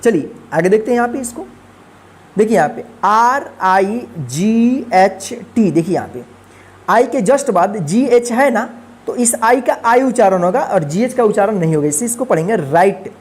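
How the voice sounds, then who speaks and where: A woman's voice: mid-range voice, animated, moderate pace, darkish tone. A woman teaching English pronunciation rules, spelling words letter by letter and repeating them patiently. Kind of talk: phonics lesson.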